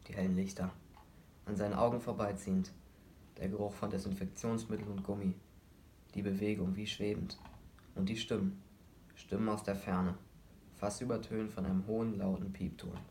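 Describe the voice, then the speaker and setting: Male audiobook narrator, low voice, steady dramatic read. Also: a little hiss or hum. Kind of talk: storytelling reading.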